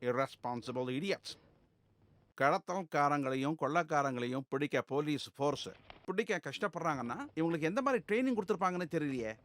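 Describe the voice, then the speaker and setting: A man's voice: fairly high pitch, expressive, moderate pace, a bit bright. A strict grumbling ex-military father. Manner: grumbling, lecturing, disciplined.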